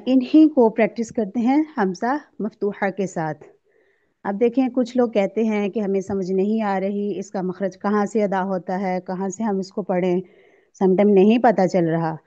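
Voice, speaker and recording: A woman teaching Quranic letter pronunciation, slowly sounding out each letter for students to repeat and explaining where it comes from. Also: medium pitch, dark tone, lo-fi sound. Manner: asks a question, then answers it herself. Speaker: tajweed teacher. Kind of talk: recorded recitation lesson.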